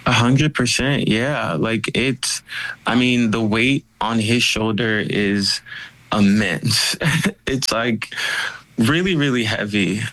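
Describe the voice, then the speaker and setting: A man speaking as a guest in a casual interview, expressive and animated, with many "like" fillers. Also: lowish voice, takes it slowly, low-quality recording. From United States.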